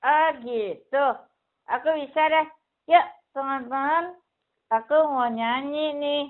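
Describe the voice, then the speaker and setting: A sulky little boy puppet who whines and complains, pitched high above an ordinary voice, as a woman puts him on. The sound is tinny and narrow, like a phone line. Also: slow pace. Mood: eager. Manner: whiny, complaining. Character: sulky young boy puppet, easily upset.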